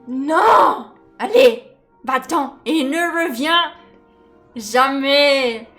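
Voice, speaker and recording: A woman's voice: sits high, animated, very slow, fairly bright tone, faint music behind, full character voice. A woman putting on a wretched, obsessive creature voice. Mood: commanding.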